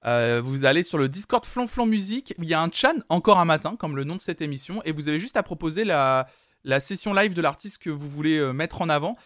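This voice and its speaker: A man's voice: fairly high pitch, animated, brisk, fairly bright tone, no echo, studio quality. A man hosting a live music stream, chatting casually with lots of hesitant fillers. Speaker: streaming music show host.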